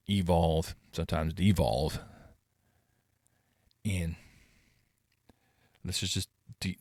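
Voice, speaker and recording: Low, gravelly-voiced male sports vlogger. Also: no echo, studio quality. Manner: rambling, self-deprecating, calls himself monotone. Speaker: sports channel host. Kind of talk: casual commentary vlog.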